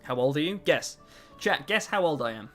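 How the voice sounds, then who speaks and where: A man in his twenties hosts a relaxed livestream, his fairly high voice moving at a moderate pace with lively intonation. Between tasks he answers viewers and makes self-deprecating jokes, with soft music in the background.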